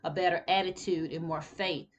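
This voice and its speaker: Woman in her 50s, kinda low voice, earnest and reflective, just chatting to the camera. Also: fairly even intonation, moderate pace, highs cut off, a little hiss or hum. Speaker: tax preparer sharing life advice. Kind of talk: casual talk to camera.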